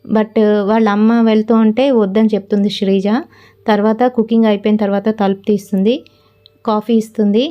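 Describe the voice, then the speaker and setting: Female storyteller, mellow voice, casual horror narration. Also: mid-range voice, fairly quick, lo-fi sound. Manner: relaxed, frequent "aa" fillers.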